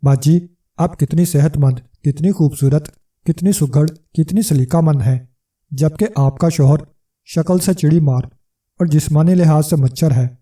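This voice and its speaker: A man's voice: fairly high pitch, dark tone, recorded from a distance, lightly acted. A man voicing a mocking, whiny young man who taunts his sister's husband, in a storybook reading. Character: mocking tearful young male brother-in-law.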